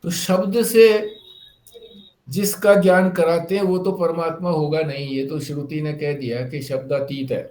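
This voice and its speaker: A man's voice: a little high, fairly even intonation, darkish tone, roomy sound. A man teaching a spiritual discourse, explaining step by step with rhetorical questions. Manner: explanatory, rhetorical questions, slow deliberate phrasing.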